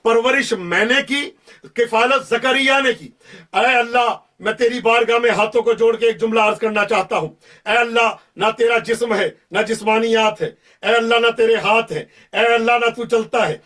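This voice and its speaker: A male preacher giving an impassioned religious oration, declaiming with repeated invocations and rhetorical questions, often rising to a shout. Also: extremely high pitch, far from the mic. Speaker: majlis preacher.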